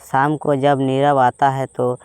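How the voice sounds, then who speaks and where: A man narrating a storybook tale in a calm, matter-of-fact way. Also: mid-range voice, slow, clear, resonant tone, no room sound.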